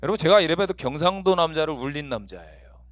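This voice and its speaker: Middle-aged male pastor, lively storytelling lecture, pitch swinging up and down, dry close sound. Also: fast, dry recording. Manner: lively storytelling with anecdotes and acted quotes.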